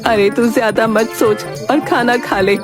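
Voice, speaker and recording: A woman voicing a teasing, sharp-tongued middle-aged mother-in-law in a cartoon, speaking in a mocking tone over background music. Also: on the high side, steady tone, measured pace, close to an everyday voice. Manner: mocking, jeering.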